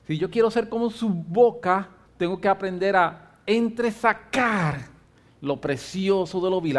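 Fervent high-voiced pastor. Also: male voice. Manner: fervent preaching with slow emphatic stresses and swings in loudness. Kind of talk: sermon.

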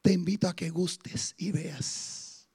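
A man preaching a sermon with fervor, moving from hushed stretches to loud exclamations. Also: sits high, fairly even intonation, slow, husky. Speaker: guest preacher.

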